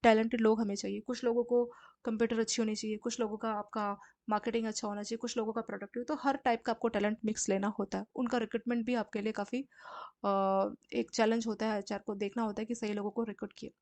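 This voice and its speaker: A woman's voice: a little high, level tone, quick pace, darkish tone, dry recording. A young woman tutoring for a banking exam, explaining HR and banking ideas in a conversational lecture and often checking in with her listeners. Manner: conversational, frequent filler checks.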